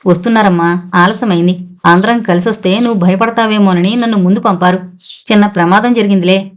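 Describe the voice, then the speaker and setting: A woman voicing a kindly, protective young man with a quick temper. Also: mid-range voice, fairly even intonation, lightly acted. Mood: caring. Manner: caring, hot-tempered.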